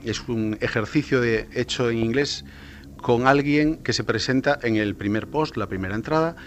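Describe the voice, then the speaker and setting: A man's voice: mid-range voice, moderate pace, slight background noise. A man speaking as a journalist guest on a radio talk show, explaining at length with many fillers.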